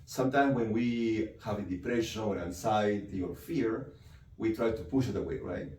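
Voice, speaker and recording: He's a psychiatrist from Peru, speaking at a moderate pace in a low, mellow voice while answering interview questions. Explaining as he goes, he often tags on "right?" and "you know"; the room echoes, the mic is distant, and there's faint noise.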